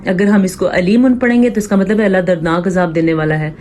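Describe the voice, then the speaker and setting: A woman with a Pakistani Urdu accent teaching tajweed, explaining rules patiently and reciting verses slowly to demonstrate. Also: lowish voice, steady tone, darkish tone, slight background noise. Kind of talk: step-by-step tajweed lesson with slow recitation examples.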